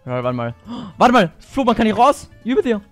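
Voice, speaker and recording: A man with a German accent in excited gameplay chat with friends, excitable and repeating himself in quick back-and-forth. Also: sits high, faint music behind. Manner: excitable, rapid back-and-forth, frequent repetitions. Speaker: gaming YouTuber.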